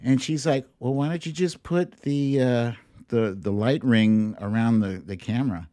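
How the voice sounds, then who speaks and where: Warm and unhurried, this middle-aged man's mid-range voice carries his livestream show as he chats casually and ramblingly with his viewers. His streaming microphone sits at a laptop setup, and no room sound comes through.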